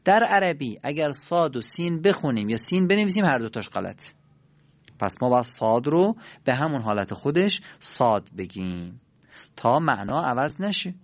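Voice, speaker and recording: A man's voice: medium pitch, big pitch swings, no echo. A man teaching pronunciation in a patient spoken lesson, repeating and demonstrating sounds for his listeners. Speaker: Quran recitation teacher. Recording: dull, dry, lo-fi recording.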